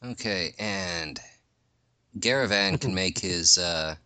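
Low, bright-voiced man running a game. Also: clean tone, no room sound. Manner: halting, repeats phrases as he rules. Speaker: game master. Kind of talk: casual tabletop game narration.

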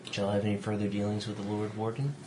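A man's voice: on the low side, little pitch movement, fast. A man narrating a tabletop role-playing game as the game master. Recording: very noisy, echoey room.

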